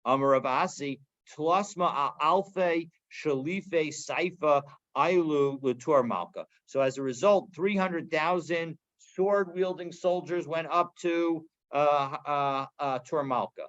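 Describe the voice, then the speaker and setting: A man teaches a daily Talmud class, reading Aramaic phrases aloud and explaining them line by line. His voice sits a little high, and he talks casually with many restarts and fillers. The recording sounds dull and lo-fi. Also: slow pace, fairly bright tone.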